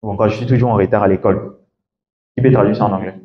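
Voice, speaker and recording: A man's voice: fairly low pitch, fairly even intonation, rapid-fire. A man giving an English lesson to a live class, conversational and often checking in with the students. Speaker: English teacher. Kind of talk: classroom lecture. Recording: dull lo-fi sound.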